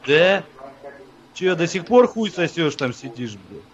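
A man's voice: on the high side, sing-song, a little slow. A man making an abusive prank phone call, taunting and mocking, laughing at his own insults. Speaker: prank caller. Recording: dull lo-fi phone audio.

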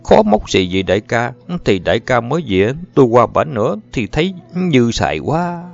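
A man's voice: mid-range voice, sing-song, normal speed, gravelly, voice pushed up. A man doing a blunt, wry young sidekick. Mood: grumbling. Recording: muffled with faint music.

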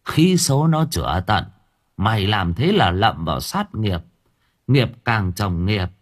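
A man's voice: on the low side, sing-song, takes it slowly, full character voice. A man doing a cursing old exorcist woman. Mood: scolding. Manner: scolding, cursing. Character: fierce old village exorcist woman, foul-mouthed.

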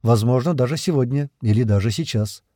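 Calm wistful man, voiced by the male narrator, mellow tone. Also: mid-range voice, fairly quick, no echo, studio quality, close to an everyday voice. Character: wistful man, the hero's other self.

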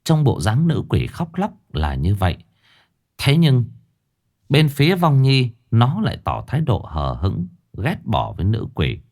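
A man narrating a ghost story in a lively, folksy, expressive way. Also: mid-range voice, measured pace.

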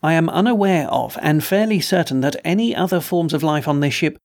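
A man voicing a human ship's doctor who speaks flatly and carefully to an alien official. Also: a little high, close to an everyday voice. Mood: measured. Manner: flat, measured.

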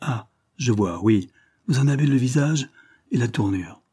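A man voicing a frank, hearty retired colonel, older, in an audiobook reading, with an emphatic, lively delivery. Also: mid-range voice, measured pace, breathy edge, dry recording, studio quality, pitched above the performer's own voice.

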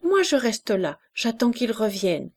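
A woman reading an audiobook voices an anxious, loving mother who soothes her sick child softly through tears. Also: on the high side, big pitch swings, measured pace, pitched above the performer's own voice, full character voice. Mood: tender soothing. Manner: soft, soothing, tearful reassurance.

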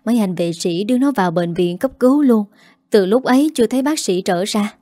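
Woman doing an anxious, sharp-tongued grandmother in a storybook reading, warm dark tone, dry close sound. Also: mid-range voice, animated, brisk, no room sound, lightly acted. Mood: worried. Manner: pleading, then scolding.

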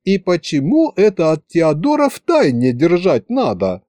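A man's voice: on the high side, wildly swooping pitch, unhurried, dark tone, no echo, studio quality, voice pushed up. A man voicing a capricious, whiny young woman with a pouty drawl.

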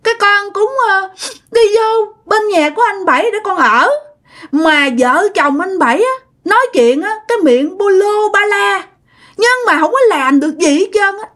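A woman's voice: very high voice, lively intonation, moderate pace, fairly bright tone, pitched above the performer's own voice. A woman voicing a sulky, sobbing toddler spirit speaking through a medium, whiny and childlike.

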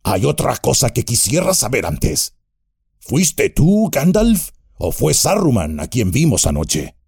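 Man voicing a blunt dwarf fighter, direct, slow, warm tone, audiobook. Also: medium pitch, huge pitch swings, creaky, breathy edge, no room sound, clean studio sound, pitched above the performer's own voice, heavily acted. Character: gruff blunt dwarf warrior, male.

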